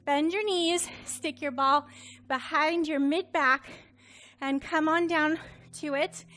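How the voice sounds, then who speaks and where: A woman's voice: high voice, fairly bright tone. A woman instructor cueing a Pilates workout, counting reps and encouraging, a little out of breath. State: slightly out of breath.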